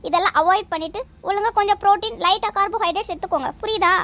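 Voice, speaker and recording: A woman's voice: very high voice, racing, fairly bright tone, slight background noise. A woman voicing a grown son in a cartoon who lectures his mother about her health. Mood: exasperated. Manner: lecturing, nagging. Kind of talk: cartoon voice acting.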